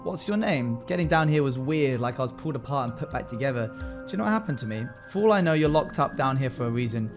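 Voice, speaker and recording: A man with a medium-pitched voice streams a game in a laid-back, playful way. He reacts casually and reads choices aloud, with faint music behind him. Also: animated, fast, few pauses. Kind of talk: casual let's play chat, reacting and reading out choices.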